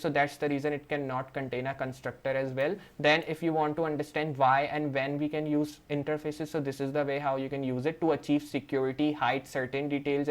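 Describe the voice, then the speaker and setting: A man teaching programming in a screen-recorded coding tutorial, walking through each step as he works and leaning on fillers like "you can say.". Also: a little high. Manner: walks through steps while working.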